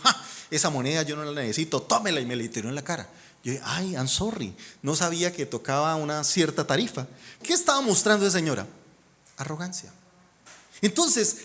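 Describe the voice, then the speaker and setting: A Colombian man preaches a sermon as a pastor, speaking Spanish with a Colombian accent. He is animated and funny, alternating between loud, emphatic lines and soft, low endings.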